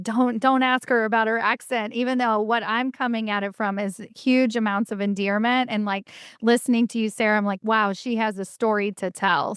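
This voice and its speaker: A woman's voice: on the high side, clean tone, no echo, studio quality. Bubbly, chatty woman podcast host. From Kentucky, US. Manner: chatty, enthusiastic, laughs often. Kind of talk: podcast interview.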